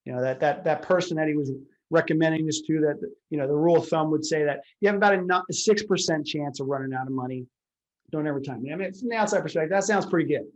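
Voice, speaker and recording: Man, retirement advisor, talky lecture, rhetorical questions, slightly high voice. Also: fast, low-quality recording. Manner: conversational, many "you know" fillers and rhetorical questions. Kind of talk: explanatory lecture with slides.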